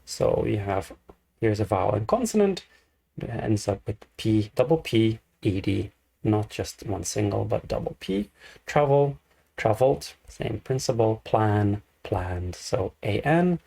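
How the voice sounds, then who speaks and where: A man teaching an English grammar lesson, explaining slowly and repeating each example. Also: fairly low pitch, gravelly, a little mellow.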